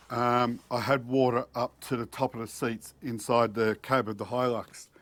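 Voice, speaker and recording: This middle-aged Australian man hosts a DIY four-wheel-drive channel and talks through an unboxing and installation in a casual, matter-of-fact vlog style. His voice sits in the mid-range with no room sound. He starts outdoors in a backyard and later moves inside a car cabin.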